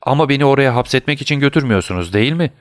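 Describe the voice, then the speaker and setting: A man's voice: mid-range voice, expressive, very fast, dry recording, studio quality, pitched above the performer's own voice, natural voice. A man voicing a young sailor prisoner who pleads in frantic alarm. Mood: pleading alarm.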